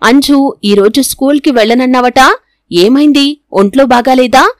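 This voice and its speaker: A storybook father, brisk and placating, put on by a woman narrator. The voice sits fairly high. The recording is close and dry. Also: no echo, lightly acted. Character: widowed father, hurried and uneasy.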